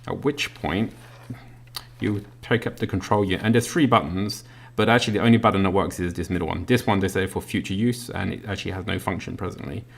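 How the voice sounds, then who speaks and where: A product reviewer with a deep, gravelly voice does an unboxing walkthrough, explaining loosely as he demonstrates the gadget. His tone stays steady, and he fills pauses with ums and uhs while handling the device.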